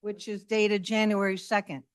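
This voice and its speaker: A woman's voice: medium pitch, flat delivery, normal speed, clean tone. A woman chairing a town committee meeting, running votes and agenda items in an informal, chatty way.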